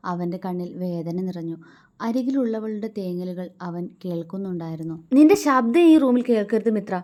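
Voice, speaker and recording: Warm, soft-voiced woman storyteller. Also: fairly low pitch. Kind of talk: romance story narration.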